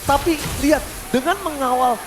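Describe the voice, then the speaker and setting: High-pitched, hyped Indonesian esports caster, male. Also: normal speed. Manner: hyped esports caster, shouting and stretching key words. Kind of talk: excited esports commentary. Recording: loud background noise over broadcast commentary.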